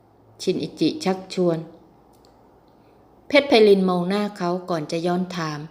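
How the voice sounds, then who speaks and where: A woman reading a romance novel aloud in steady, even storytelling, lifting her voice for the heroine's lines. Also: lowish voice, moderate pace. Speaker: audiobook narrator. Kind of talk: scripted novel narration.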